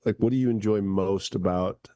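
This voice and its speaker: A man's voice: on the low side, normal speed, warm tone, no room sound, studio quality. A man chatting casually as an interviewer. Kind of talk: casual chat.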